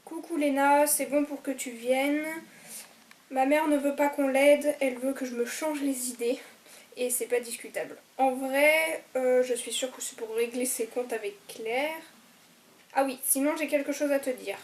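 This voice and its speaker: A woman's voice: high-pitched, steady tone, moderate pace, a little mellow, close to an everyday voice. A woman playing a worried daughter who pleads earnestly with her mother. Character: young daughter worried about her missing sister. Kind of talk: amateur film acting. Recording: echoey room, off-mic.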